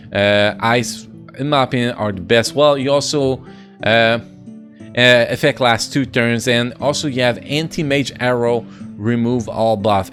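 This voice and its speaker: Speaking at medium pitch, a man with a French accent chats excitably and casually about a mobile game he keeps restarting, adding playful sound effects along the way.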